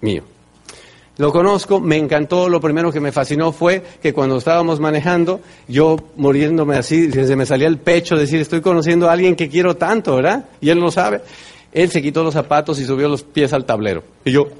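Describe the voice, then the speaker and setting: Emphatic Mexican man telling his story. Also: a little fast. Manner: emphatic, swings from loud bursts to soft low asides. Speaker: speaker at a business event. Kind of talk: motivational storytelling talk.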